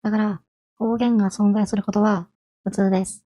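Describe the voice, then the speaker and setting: A woman's voice: medium pitch, level tone, normal speed, mellow. A woman in her twenties giving a chatty, friendly explainer lesson on language, asking her listeners rhetorical questions. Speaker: language vtuber.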